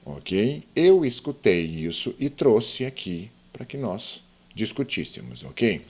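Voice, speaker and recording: A man's voice: fairly low pitch, sing-song, slow, a little mellow, slightly rough. A man teaching a grammar lesson online, explaining step by step and often asking his viewers questions.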